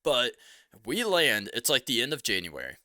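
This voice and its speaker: Lively, bright-voiced young man chatting. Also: medium pitch, normal speed, no echo, clean studio sound. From Cincinnati, Ohio. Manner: rambling, animated storytelling. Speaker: podcast co-host. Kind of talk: casual chat.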